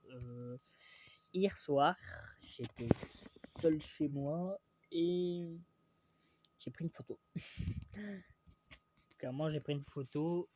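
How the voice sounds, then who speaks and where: A man's voice: medium pitch, dark tone, no room sound. A young man from France rambling through a casual football vlog, hesitant and full of fillers and restarts, teasing and opinionated. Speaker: vlogger.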